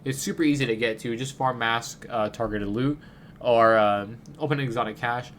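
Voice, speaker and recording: A gaming video creator with a cold delivers a loose, chatty game guide, his middling-pitched voice stuffy from a blocked nose. He moves at a moderate pace, rambling through his points with plenty of fillers and restarts, while a faint hiss sits in the background.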